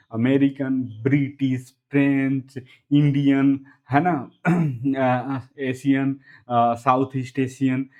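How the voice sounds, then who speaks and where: A man's voice: mid-range voice, phone-quality sound. A man teaching an English class online, explaining step by step, repeating key words and checking in often with listeners.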